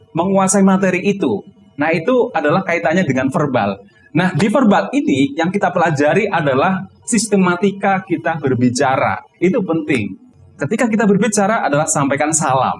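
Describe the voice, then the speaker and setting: A teacher gives an instructional talk on public speaking, walking through it step by step and demonstrating high and low tones himself.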